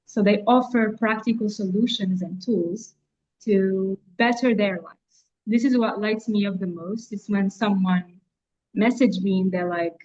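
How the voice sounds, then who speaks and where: A woman from Algeria, an astrologer and spiritual guide, answering interview questions in a halting way. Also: mid-range voice, a little mellow, lo-fi sound. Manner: slow, halting, many fillers and restarts. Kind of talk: interview guest.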